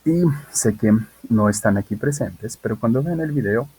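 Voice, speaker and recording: A man, an online high school tutor recording a video lesson, patiently drilling English example questions. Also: lively intonation, normal speed, dark tone, husky, poor audio.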